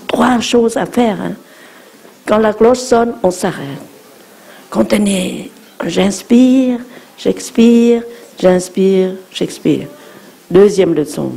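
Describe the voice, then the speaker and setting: A woman interpreting a dharma talk for children in a gentle manner, guiding them through breathing exercises. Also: medium pitch, gravelly, husky.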